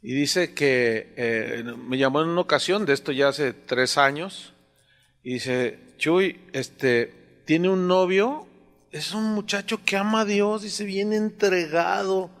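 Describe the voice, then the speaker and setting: Man, pastor preaching, slightly high voice, long hall reverb. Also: slow, fairly bright tone. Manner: conversational preaching with fillers, rising emphasis on scripture. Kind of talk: sermon.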